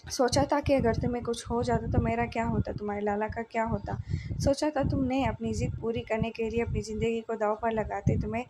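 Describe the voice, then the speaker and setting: A woman's voice: a little high, fairly even intonation, fairly quick, heavy background noise, lightly acted. A woman reading the part of a stern young husband. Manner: stern and scolding, then coaxing. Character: angry, protective young husband.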